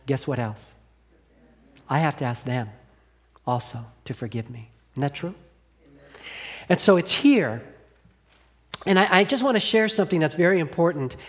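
Earnest male pastor preaching. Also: fairly high pitch. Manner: earnest, asks the congregation questions, drops to a hush on key lines. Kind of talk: sermon.

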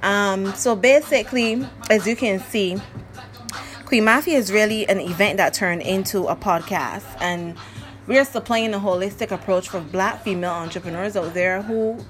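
A woman's voice: mid-range voice, normal speed, soft background music. A young woman with a Barbadian accent talks through her solo podcast. She is chatty and upbeat, with a mid-range voice. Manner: chatty and upbeat, with laughs and asides. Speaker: podcast host. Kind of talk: casual solo podcast monologue.

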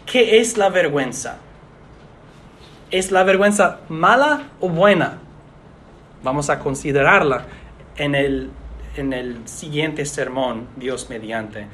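A man, a pastor, preaching an earnest sermon in a measured way with pauses. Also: a little high, a bit bright, slight background noise.

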